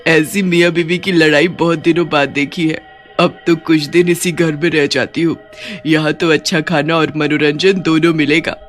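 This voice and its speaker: A woman's voice: low voice, fairly even intonation, moderate pace, faint music behind, natural voice. A woman voicing a greedy, bossy female witch in a cartoon story, cackling and threatening. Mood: gleeful.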